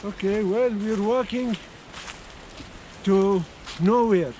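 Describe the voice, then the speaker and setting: A man talks casually while out on a trek. His voice is high, his manner reflective and appreciative, with drawn-out phrases. Faint outdoor noise sits behind him. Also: mellow. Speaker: trekker. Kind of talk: casual chat. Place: outdoors on a mountain trail.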